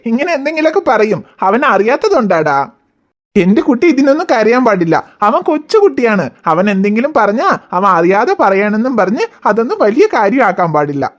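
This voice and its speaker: A woman playing a gentle cartoon dad. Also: a little high, lo-fi sound. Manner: reassuring, mock-scolding. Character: cartoon father, gentle and scolding. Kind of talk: cartoon voice acting.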